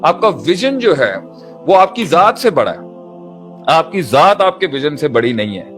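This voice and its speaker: A man's voice: on the high side, sing-song, measured pace. A man preaching a motivational sermon, pressing his point with repeated rhetorical phrases and English terms mixed in. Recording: music playing under the voice.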